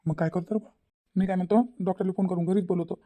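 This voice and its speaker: Voice actor as a young cartoon son, worried but calm, mellow, quick. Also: mid-range voice, lightly acted.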